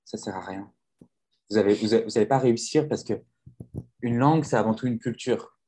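A man's voice: fairly low pitch, a little fast, warm tone, slight background noise. A man who teaches languages, talking earnestly in a casual conversation, with many restarts and fillers. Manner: earnest, reflective.

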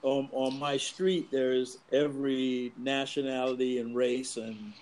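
A man in his fifties from the US East Coast, telling personal stories in a reflective, measured way in casual conversation. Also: medium pitch, flat delivery, darkish tone, slight background noise, poor audio. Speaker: guest.

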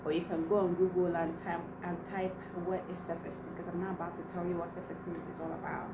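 Talking to her viewers, a young vlogger whose first language is Igbo tells a personal story packed with fillers. She speaks fast in a lowish, level voice. The recording is noisy, with an echoey room and a distant mic.

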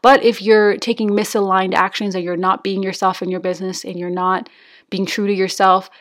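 A woman talks in a soft, earnest monologue, turning inward and confessional as she reflects. Her voice sits at an ordinary middle pitch for a woman, neither high nor low. She sounds like a host speaking straight to her listeners. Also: flat delivery, fairly quick.

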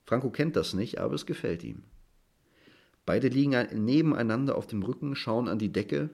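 A man reading his own literary short story aloud in a dry, measured way. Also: medium pitch, animated, gravelly, a little mellow. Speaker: author reading at a literary stage.

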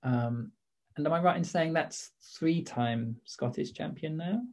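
A man's voice: on the high side, a little slow, a little mellow. A man works through informal interview questions. His manner is tentative, and he rephrases as he goes.

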